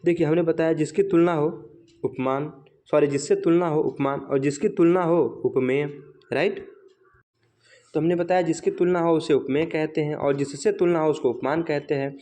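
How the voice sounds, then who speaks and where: A man with a slightly high, warm voice and fairly even intonation leads an exam revision class. He answers his own rhetorical questions and keeps checking in with "right?". Whenever he recites an example line, he slows right down.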